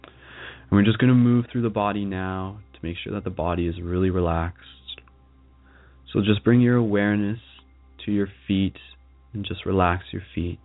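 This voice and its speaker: A man leading a guided meditation in a soft, calming, unhurried manner with long pauses. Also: low voice, narrow, tinny audio. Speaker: meditation guide, show host. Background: music.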